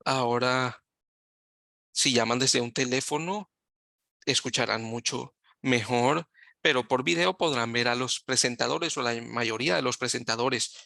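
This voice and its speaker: A man giving live Spanish interpretation of a webinar over a video call, talking in halting phrases and often correcting himself mid-sentence. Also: medium pitch, creaky, bright, forceful tone, no room sound, studio quality. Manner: halting, with frequent self-corrections.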